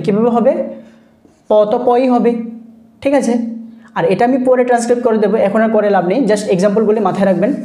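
A woman's voice: mid-range voice, dark tone. A woman teaching a phonetics lesson, patiently repeating example words and checking that students follow. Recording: echoey room.

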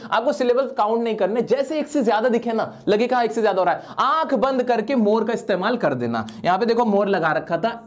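A male grammar teacher who writes on a board as he explains. He keeps asking questions and answering them himself, and he sometimes speaks the part of an imagined student asking him something. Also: extremely high pitch. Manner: asks his own questions and answers them. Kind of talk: classroom grammar lesson. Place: at a whiteboard, writing while teaching.

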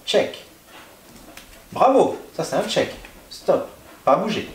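A man working as a dog trainer, giving calm, firm short commands and explaining a training exercise indoors at home. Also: high-pitched, slow, slight background noise. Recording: echoey room.

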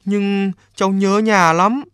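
Man voicing a young orphan boy, earnest, pleading, high, storybook audio. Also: steady tone, fairly bright tone, smooth, no room sound, clean studio sound. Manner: pleading, halting.

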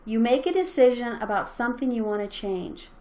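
Earnest woman coaching parents, fairly high voice. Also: expressive, fairly quick, darkish tone. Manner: earnest, encouraging, speaks directly to listeners. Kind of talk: motivational talk.

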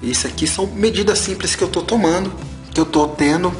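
A man's voice: high voice, a little fast, soft background music. Emphatic preachy man in his forties. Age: 40s. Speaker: health vlogger. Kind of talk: casual vlog, unboxing and health advice.

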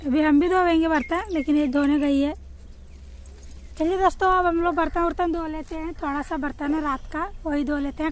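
Young woman, high-pitched voice, chatty home vlog, phone at arm's length, faint outdoor ambience. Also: slight background noise. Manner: chatty, addresses viewers often. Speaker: vlogger. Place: rural home and yard, in and out of doors.

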